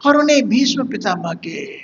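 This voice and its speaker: A man's voice: very high voice, expressive, normal speed, a bit bright, slightly rough, highs cut off. A man, a monk, giving a devotional scripture discourse, telling stories and chanting verses as he explains them. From India. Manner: storytelling with acted quotes and chanted verses.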